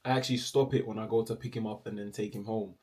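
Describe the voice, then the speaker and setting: A man's voice: lowish voice, fairly even intonation, quick pace, darkish tone. A young man, telling a personal story casually and acting out the other people's voices playfully. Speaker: storyteller vlogger.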